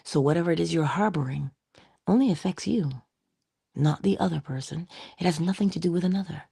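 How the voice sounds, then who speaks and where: Woman, motivational speaker, low gravelly voice, husky, slow rhetorical questions and whispered asides, close and dry. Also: mellow, no echo. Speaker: inspirational speaker. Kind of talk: reflective spoken meditation.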